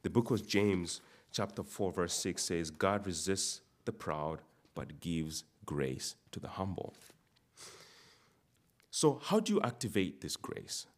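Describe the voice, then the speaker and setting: Deep-voiced man from Uganda preaching. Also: very animated, takes it slowly. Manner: repeats words and restarts, builds phrases for emphasis. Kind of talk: sermon.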